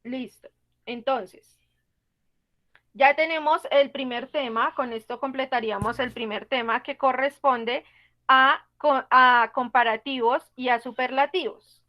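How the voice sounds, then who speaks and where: A woman's voice: high voice, steady tone, a little slow, dull audio. A woman teaching an online English class, patiently explaining grammar rules step by step and asking the students questions.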